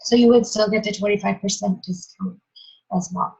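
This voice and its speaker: A woman coach presenting in a hesitant way on a webinar, her voice going hoarse. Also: mid-range voice, fairly even intonation, moderate pace, darkish tone. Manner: hesitant, apologetic, laughs. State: losing her voice. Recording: dull lo-fi video call audio.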